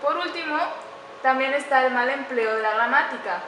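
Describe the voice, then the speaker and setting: Woman student presenter, bright and fairly high voice, careful explanatory delivery, recorded in a roomy space. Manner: careful, slows down to spell out example sentences. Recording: echoey room with faint background noise.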